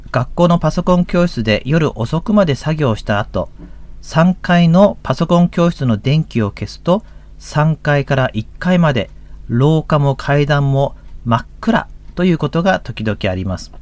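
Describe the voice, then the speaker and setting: A man's voice: on the high side, animated, measured pace, a little mellow. A man in his fifties with a Tohoku accent, a pastor hosting a religious radio talk in a folksy, chatty way. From Akita, Japan. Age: 50s.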